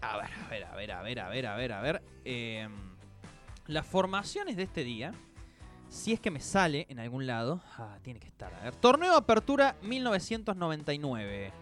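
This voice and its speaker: A man's voice: mid-range voice, very animated, normal speed, fairly bright tone, faint music behind. A man with an Argentine accent presenting a conversational football nostalgia segment with an emphatic delivery. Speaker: sports radio show presenter.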